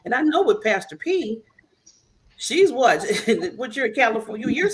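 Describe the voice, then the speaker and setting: A woman's voice: a little high, sing-song, normal speed. A woman hosting a casual online talk show over a video call, chatty and laughing often.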